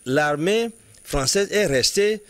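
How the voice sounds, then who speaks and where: Guy arguing politics on a panel, keeps restarting words, highish voice swinging up and down, dry sound. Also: expressive, fairly bright tone, dry recording. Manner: halting, restarts words while building an argument; emphatic, insistent reasoning. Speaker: political commentator. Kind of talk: studio political debate.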